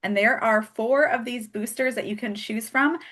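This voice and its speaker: A woman's voice: fairly high pitch, moderate pace, a bit bright. A woman hosting a live skincare product demonstration, chatty and joking as she walks through each step. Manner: chatty and joking, laughs often. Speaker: host and skincare consultant.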